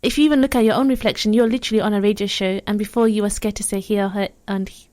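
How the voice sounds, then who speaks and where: A young woman co-hosting a casual radio chat, reflective and supportive, with quick asides. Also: mid-range voice, a little mellow. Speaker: radio co-host.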